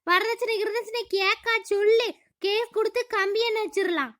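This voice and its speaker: A voice actor playing a fiery, blunt middle-aged village aunt in a cartoon, with a sped-up squeaky voice. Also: steady tone, normal speed, dry recording, studio quality. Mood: scolding. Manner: loud, threatening, blunt. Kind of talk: cartoon voice acting.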